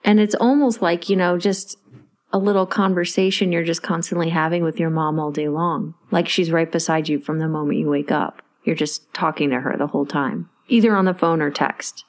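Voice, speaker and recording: A woman's voice: low-pitched, fairly even intonation. A woman co-hosting a podcast, telling stories in a chatty, easy way and laughing readily. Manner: chatty storyteller, quick to laugh. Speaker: podcast co-host. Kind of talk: casual chat.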